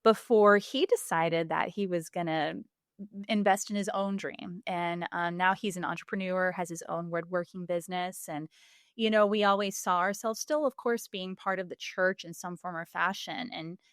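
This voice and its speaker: A woman from Puerto Rico, in her forties, works as a singer and voice coach and reflects earnestly in a podcast interview, filling pauses and laughing a lot. The clean studio sound has no echo; her voice is lowish, moderately paced, with fairly even intonation.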